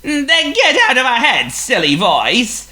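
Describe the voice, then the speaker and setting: A man's voice: medium pitch, huge pitch swings, slow, background noise, pitched above the performer's own voice, heavily acted. A man voicing a bossy, pompous male villain in a storybook reading, with a snorty, oily voice. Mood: nervous.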